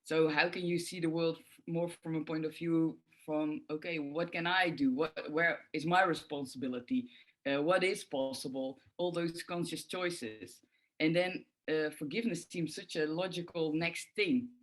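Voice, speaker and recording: Speaking at normal speed with fairly even intonation, this deep-voiced, middle-aged woman has a Dutch accent and comes from the Netherlands. Interviewed about forgiveness work, she answers reflectively and thoughtfully, using lots of filler sounds.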